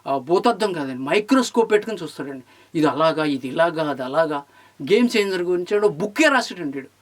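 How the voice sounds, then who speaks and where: A man giving an angry rant to camera. He scolds and repeats rhetorical questions, swinging between loud outbursts and low mutters. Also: lively intonation, fast talker. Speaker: film commentator.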